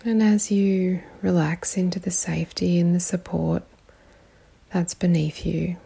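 A woman guiding a meditation in a calm, soothing way, with long pauses and a soft, breathy, partly whispery voice. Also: lowish voice. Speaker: meditation guide. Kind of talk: guided meditation.

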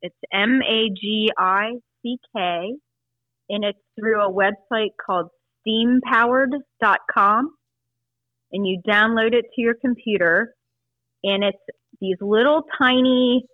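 A woman in her fifties, chatty and quick to laugh, answering questions in a casual family interview at home. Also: mid-range voice, no room sound, narrow, tinny audio. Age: 50s. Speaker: interviewee, aunt.

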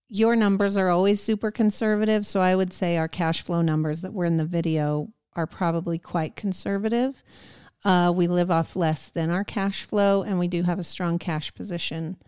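A woman's voice: fairly low pitch, a little mellow, clear, resonant tone. A middle-aged woman co-hosting a casual chat, explaining things in a plain, matter-of-fact way. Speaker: podcast co-host.

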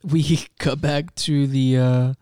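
A man's voice: medium pitch, fairly even intonation, takes it slowly, warm tone, clean tone, no echo, studio quality. A man co-hosting a podcast, casually recapping a TV episode and acting out the characters' lines with lots of fillers. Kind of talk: casual chat.

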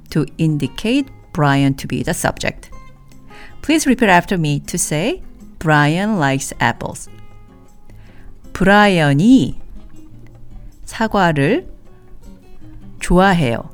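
Slow, clear model phrases for listeners to repeat come from a woman teaching a language in a scripted podcast episode. Her voice is on the lower side.

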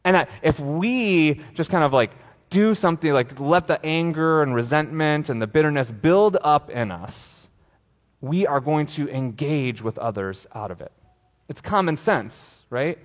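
A man, a pastor, giving a conversational sermon in a loose, casual way, full of fillers like "like" and quick restarts. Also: on the high side, lively intonation. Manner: casual, filler-heavy preaching with frequent "like" and restarts. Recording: dull lo-fi sound with long hall reverb.

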